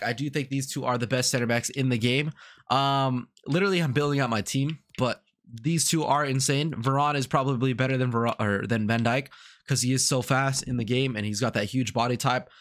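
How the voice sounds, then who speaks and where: This gaming YouTuber's mid-range, fairly bright voice is thick with congestion from a cold. He chats loosely through his game commentary, circling back over the same points and leaning heavily on fillers.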